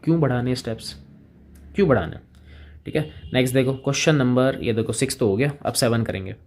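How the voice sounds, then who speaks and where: A man's voice: mid-range voice, fast, darkish tone, slight background noise. A man teaching chemistry in a casual lecture, chatting with students and playing both sides of the conversation.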